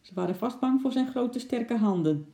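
A narrator reading a children's storybook aloud in a calm storytelling manner, with a roomy echo. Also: mid-range voice, normal speed, creaky.

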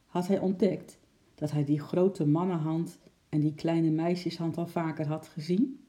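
Man reading a kids story, calm steady pace, super dark mellow voice. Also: on the high side, unhurried.

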